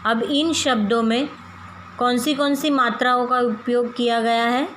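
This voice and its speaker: Slow, patient woman teaching a lesson. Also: a little high, fairly even intonation, a bit bright, slight background noise, poor audio. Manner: slow, patient, spells out syllables one by one. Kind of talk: Hindi grammar lesson for children.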